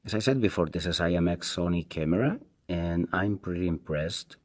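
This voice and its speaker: This video host is a tech reviewer with a low voice and a Spanish accent, Spanish being his native tongue. He reviews a product casually and without a script, hesitating, halting and repeating himself.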